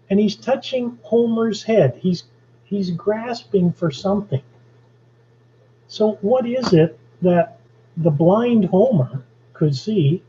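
Over a video call, a Canadian man lectures on poetry and history at an easy pace, tossing in jokey asides. His voice sits high with a dark tone, and the audio is dull and lo-fi.

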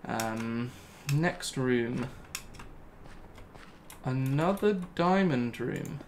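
A man's voice: medium pitch, lively intonation, drawn-out words, a little hiss or hum. A young man talking through his gameplay live, thinking aloud and repeating himself when things go wrong. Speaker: gaming channel host.

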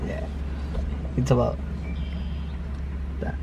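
A man's voice: drawn-out words, dark tone, lo-fi sound, slight background noise. A young man in a casual couple vlog, teasing his girlfriend and barely holding back laughter. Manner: teasing, stifling laughter, repeats "hold up". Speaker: vlogger, boyfriend.

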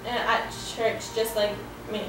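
A woman's voice: on the high side, level tone, extremely slow. Young woman interpreting a sermon hesitantly. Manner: hesitant, with fillers and restarts while interpreting. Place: living room set with framed pictures. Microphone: far camera. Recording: echoey room from far off, faint music.

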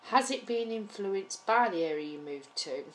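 A woman's voice: mid-range voice, lively intonation, moderate pace. A woman from England with an East Midlands accent, chatting casually and hesitantly into a home camera mic, with frequent ums. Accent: East Midlands English. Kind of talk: casual accent-tag video.

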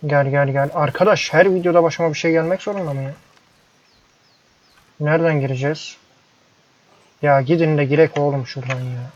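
A young YouTuber's casual let's-play of a ranch game finds him grumbling and frustrated, talking to the animals. He speaks briskly in a steady tone with fairly high pitch, leaving long pauses. The audio is from a dull, lo-fi headset mic with faint noise.

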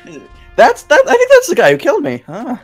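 A man's voice: very high voice, wildly swooping pitch, fast talker, faint music behind. A young man chatting during a co-op war game, dry and joking, swearing when something startles him, on a headset mic. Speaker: gamer. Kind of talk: co-op gameplay chat.

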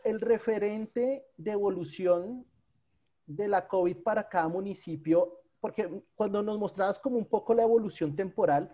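A man's voice: sits high, moderate pace, warm tone, lo-fi sound. A man asking questions in an online academic discussion, phrasing things hesitantly and repeating words. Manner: hesitant, careful phrasing with repetitions. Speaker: seminar participant asking questions. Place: online video call.

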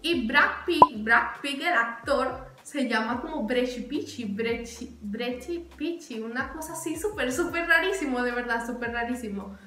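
A woman's voice: sits high, normal speed, few pauses, bright, forceful tone, faint music behind. A young woman chatting animatedly as a vlogger, repeating words for emphasis. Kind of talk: casual chatty explainer. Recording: echoey room.

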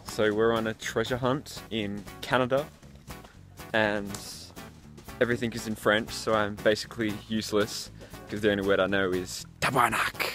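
A man's voice: on the low side, fairly even intonation, moderate pace, fairly bright tone, soft background music. An Australian man chatting casually to camera in a vlog, joking around and swearing freely. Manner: jokey, laughs often, swears freely. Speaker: touring musician vlogger.

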